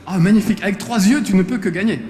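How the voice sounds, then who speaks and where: A man hosting a live fighting-game contest on a convention stage, teasing the players and cheering on the crowd through a handheld mic. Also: sits high. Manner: playful, teasing, quick to joke and cheer on the crowd. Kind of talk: live event emceeing. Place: convention stage before an audience. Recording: echoey hall with music.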